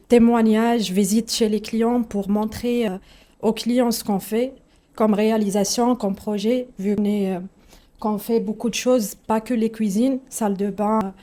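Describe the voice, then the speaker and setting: A woman's voice: on the high side, dark tone. A woman from Morocco working as a communication and marketing manager, introducing herself carefully with many hesitations, in a showroom. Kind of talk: casual self-introduction. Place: kitchen showroom.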